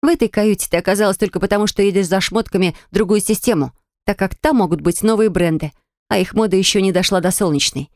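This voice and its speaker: A woman's voice: mid-range voice, quick pace, a little mellow, dry recording, close to an everyday voice. A woman voicing a blunt, sardonic young tomboy with a dry, cutting manner in audiobook dialogue.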